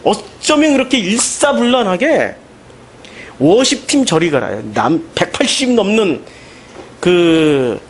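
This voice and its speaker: Animated Korean pastor preaching, lively pitch. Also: male voice, slow pace, slight background noise. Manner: animated, rising into emphatic questions and mocking quotes. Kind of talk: sermon.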